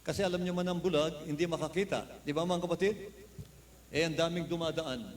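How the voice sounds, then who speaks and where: Fervent high-voiced male preacher. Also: fairly even intonation, brisk, big-room sound. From Philippines. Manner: fervent, keeps calling "Amen?" to the crowd. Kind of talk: fervent revival sermon. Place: large crusade venue.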